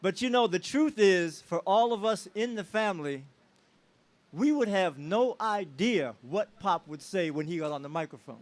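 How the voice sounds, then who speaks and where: A man with a high voice speaks to a crowd outdoors, honoring a parent. He is emotional but rousing, and he works the audience with call-and-response questions. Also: expressive, normal speed. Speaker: family member giving a tribute speech. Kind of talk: public speech at an outdoor celebration. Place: outdoors at a street celebration.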